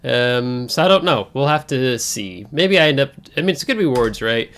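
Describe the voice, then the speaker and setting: A man with a slightly congested, stuffy voice hosts a casual game overview from a desk microphone at home. He talks in a chatty, rambling way, full of fillers and quick self-corrections. His pitch sits in the middle range for a man. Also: lively intonation, fairly bright tone. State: congested from air travel. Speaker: gaming channel host.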